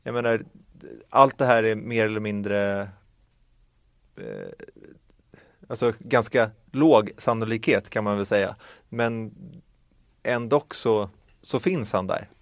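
Swedish male co-host, low gravelly voice, dry sound, hedging chat. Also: very animated, dry recording. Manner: measured, hedging explanations with fillers. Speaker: podcast co-host. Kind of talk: casual motorsport podcast chat.

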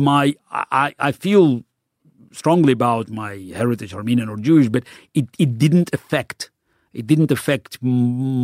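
Answering an interviewer earnestly, this middle-aged Russian speaker from Baku in the Soviet Union keeps restarting and repeating words while he hunts for the right phrasing. His pitch is medium. The recording is dry and studio-clean.

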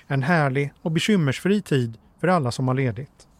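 A man giving calm, measured, scripted narration as a documentary narrator. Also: medium pitch, no room sound.

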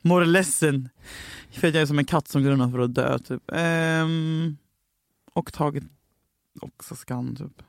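Young man, podcast co-host, halting candid delivery, higher pitch, dry close mic. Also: gravelly, no room sound. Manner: candid, halting storytelling with fillers. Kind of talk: casual chat.

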